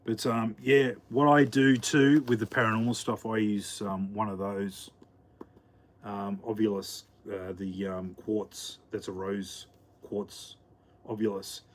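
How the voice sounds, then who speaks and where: A man chatting casually on a live stream, rambling and halting with lots of fillers. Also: on the low side, flat delivery. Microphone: camera mic.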